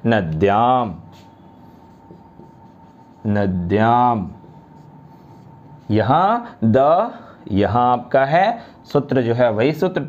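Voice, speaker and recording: A man teaching a grammar lesson to students, slowly reciting and repeating word forms one by one. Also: medium pitch, a little mellow, muffled recording. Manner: addresses students directly, repeats each form.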